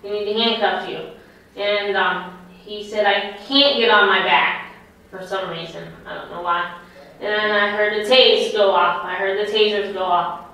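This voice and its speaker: A woman's voice: mid-range voice, steady tone, a little slow, sharp tone. A woman answers a detective's questions in short, deferential replies. Her voice comes from an old interrogation tape, set back from the mic in a strongly echoing room. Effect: interrogation tape recording played back. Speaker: witness in custody. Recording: echoey room tape from far off.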